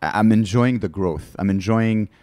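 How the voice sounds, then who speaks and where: Deep-voiced comedian telling frank stories. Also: male voice, normal speed, darkish tone, no room sound. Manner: candid, rambling storytelling with bursts of laughter. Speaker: comedian guest. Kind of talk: casual podcast chat. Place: studio.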